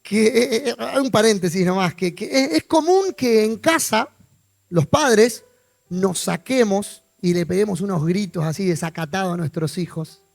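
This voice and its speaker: In a church, a man with a Rioplatense Spanish accent preaches a conversational sermon, informal in tone, asking his congregation questions and slipping in jokes. His voice is high-pitched, animated, a little slow and creaky, recorded with no room sound and soft background music.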